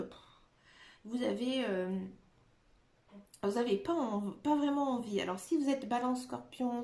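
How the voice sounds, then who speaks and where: A woman giving a tarot reading to her viewers, talking gently and hesitantly with many filler sounds. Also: fairly high pitch, vocal fry. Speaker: tarot card reader. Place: room at home, dog nearby. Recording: echoey room with faint noise.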